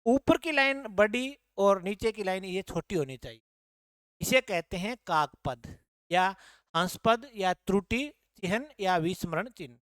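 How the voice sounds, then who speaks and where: A man's voice: sits high, expressive, a little slow, a bit bright, no room sound. A man teaching a grammar class, explaining patiently and repeating key points as he points to the board.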